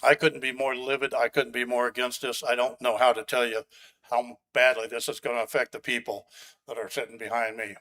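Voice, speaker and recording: A man gives public comment at a county board meeting. He speaks bluntly, with sharp sarcasm and open anger. His pitch sits at an ordinary middle level for a man. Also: little pitch movement, a little fast. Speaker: resident giving public comment. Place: county commission meeting room.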